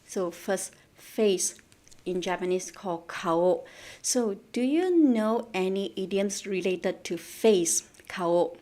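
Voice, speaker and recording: A Malaysian woman teaches Japanese idioms in a live online lesson, repeating words, quizzing her viewers and switching between English and Japanese. Her medium-pitched voice is slow, expressive and dark in tone.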